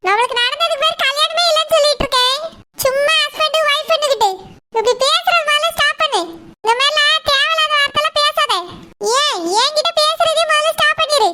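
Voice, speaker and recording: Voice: very high-pitched, fairly quick. A voice actor playing a curt, scolding young husband in a cartoon. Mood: scornful. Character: young husband, scornful and short-tempered. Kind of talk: cartoon voice acting. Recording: loud background noise.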